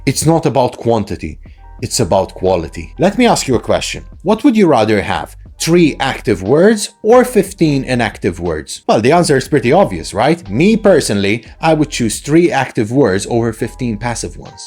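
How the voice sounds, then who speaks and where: Male English lecturer, animated intonation, conversational teaching style, rhetorical questions, medium pitch, light background music. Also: moderate pace, husky. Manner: rhetorical questions with frequent "right?" tags. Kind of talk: instructional lesson to camera, conversational.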